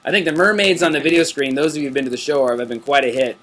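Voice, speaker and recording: A man's voice: on the high side, animated, rapid-fire, fairly bright tone. A middle-aged man hosting a casual backstage webcast, reading out viewer questions in an easygoing, chatty way and laughing between them. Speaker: webcast host.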